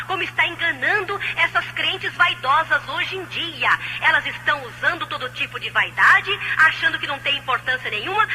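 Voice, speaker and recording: Brazilian church lady teaching bible, insistent warnings, high piercing voice, old hissy tape dub copy. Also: sharp tone, rough recording. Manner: admonishing, insistent. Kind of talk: religious teaching, exhorting. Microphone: recorded on cassette.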